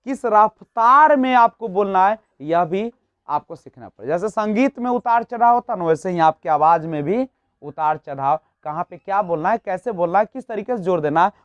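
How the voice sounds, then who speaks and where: This exam-prep teacher has a high, expressive voice and speaks at a moderate pace, captured in a dry, dull lo-fi recording. He walks his students through each step, asking rhetorical questions and often tacking on "nahin."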